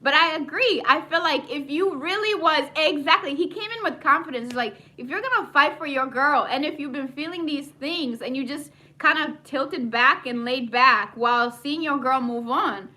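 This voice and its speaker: High bright-voiced chatty woman. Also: normal speed, hardly any pauses. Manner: animated, laughs often, rambling asides. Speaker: TV recap vlogger. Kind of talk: casual chatty recap.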